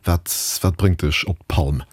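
A man's voice: sits low, slow pace, no room sound. A man hosting a casual interview, prompting his guest with short questions. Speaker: podcast host.

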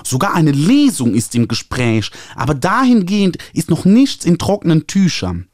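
Näselnder, überschwänglicher Verleger, von einem Mann gespielt. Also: male voice, on the high side, huge pitch swings, a little mellow, dry recording, studio quality, pitched above the performer's own voice. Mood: gushing. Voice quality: nasal. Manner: gushing, fussy, drawn-out. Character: overeager nasal male book publisher.

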